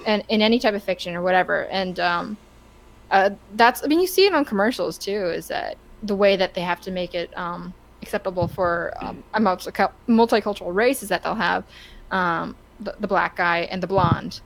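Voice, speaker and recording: Speaking at a moderate pace with vocal fry, a woman of medium pitch gives her opinions as a podcast co-host in casual conversation. She stammers and restarts a lot, and the recording sounds rough.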